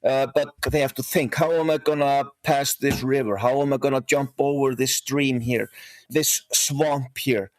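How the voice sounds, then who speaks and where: Man, middle-aged, from Iceland, interview guest, halting with restarts, dry close recording. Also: mid-range voice, steady tone, dry recording. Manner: halting, many restarts and fillers. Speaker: guest, horse breeder and national team coach. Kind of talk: casual interview talk.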